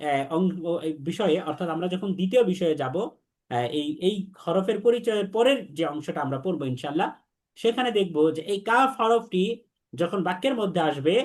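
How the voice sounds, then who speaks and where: A young man teaching Arabic letter pronunciation, repeating sounds slowly for students to echo back. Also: high voice, a bit bright. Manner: slow, repetitive drilling, has students repeat after him. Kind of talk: online lesson on Arabic letters.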